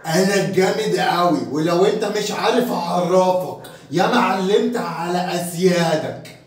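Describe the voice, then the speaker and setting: A man with an Egyptian Arabic accent voicing a menacing male street thug with a slow, threatening drawl, in an echoey room. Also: sits high, lightly acted. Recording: echoey room, far from mic.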